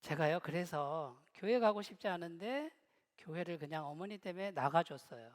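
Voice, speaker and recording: A man's voice: fairly high pitch, lively intonation, normal speed. A middle-aged man preaching a sermon in a church hall, telling stories with humor and joking with the congregation. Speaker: pastor.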